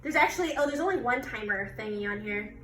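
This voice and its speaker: A woman's voice: on the high side, animated, fast talker, pushed and bright. A woman hosting a vlog in casual, chatty talk. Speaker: vlog host. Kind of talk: casual chat. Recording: echoey room, faint background noise.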